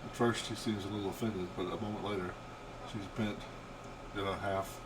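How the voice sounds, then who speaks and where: Low-voiced older man reading over noise. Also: normal speed. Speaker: gamer reading game dialogue aloud. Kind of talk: reading video game narration aloud. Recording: steady background hum and noise.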